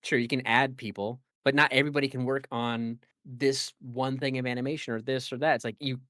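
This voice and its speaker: A man co-hosting a casual gaming podcast, talking in a rambling, animated way with lots of fillers and restarts. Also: mid-range voice, brisk, no echo, studio quality. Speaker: podcast co-host.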